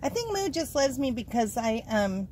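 A woman's voice: a little high, very animated, moderate pace, a little mellow. A woman hosting a casual travel vlog, chatty, filming herself on a handheld phone. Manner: chatty, coos at the dog. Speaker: vlog host. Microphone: handheld phone camera. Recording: noisy phone recording.

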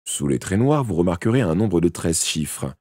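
Guy reading an audiobook live, deep husky voice, super animated, fixes his slips as he goes. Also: normal speed, no echo, clean studio sound. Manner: expressive first-person narration with occasional slips and self-corrections. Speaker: audiobook reader.

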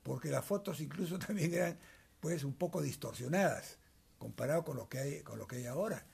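A man's voice: fairly high pitch, lively intonation, vocal fry, darkish tone, slightly rough. An older man, recalling old times as an interview guest in a small cluttered room, speaking into a handheld mic. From Peru. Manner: measured, storytelling, tags remarks with asides. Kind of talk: reminiscing interview. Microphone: handheld wired mic held by interviewer.

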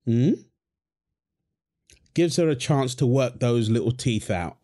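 This man's medium-pitched voice is mellow and slow, yet his intonation stays lively. He acts out a wholesome audio roleplay as a husband and dad, playfully teasing his partner and cooing fondly at their baby.

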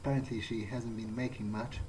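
Against background noise and game music, a man voices in-character commentary as he plays a video game, improvising in a hesitant, musing way. His pitch is fairly low, his delivery flat and fairly quick.

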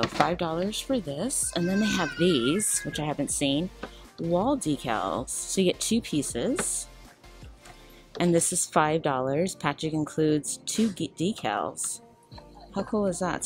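A woman casually narrating a shopping walkthrough in a large store, reading out items and prices as she films on her phone. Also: deep voice. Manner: chatty, reads out prices and labels. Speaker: shopping vlogger. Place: large retail store indoors. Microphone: handheld phone camera.

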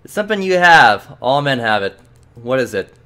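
A man's voice: mid-range voice, big pitch swings, normal speed, sharp tone, clear, resonant tone. A rude, bored male archive clerk from a narrative game who grumbles and snaps people away. A man puts him on while reading the game aloud, with a surly, dismissive edge at a raised volume.

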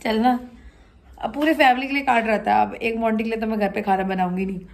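A woman's voice: on the high side, fairly even intonation, fast talker, creaky, a little hiss or hum. A young woman from Uttarakhand, India, vlogging in a casual, teasing way and talking straight to her viewers from a handheld phone around her home and neighborhood. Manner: chatty and teasing, addresses viewers directly. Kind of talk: casual vlog chat.

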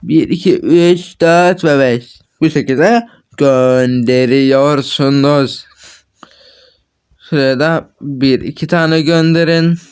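A man's voice: on the high side, slow, a little mellow, clean tone. A man hosting a gaming channel, giving chatty, casual gameplay commentary and correcting himself often as he talks to viewers. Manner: chatty, self-correcting, addresses viewers as friends. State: frustrated after repeated mistakes.

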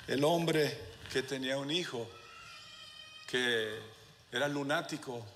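A male pastor preaching a sermon, moving between quiet asides and shouted passages, with English phrases dropped in. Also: medium pitch, slow pace. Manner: swings from soft to shouted preaching, with asides to the congregation. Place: church sanctuary. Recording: reverberant church hall with faint room noise.

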